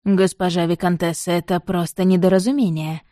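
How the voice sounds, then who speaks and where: A woman's voice: fairly low pitch, steady tone, a little fast, warm tone, no room sound, studio quality, natural voice. A woman reading an audiobook and voicing a flustered, fawning older boarding-school headmistress who babbles to placate. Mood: placating.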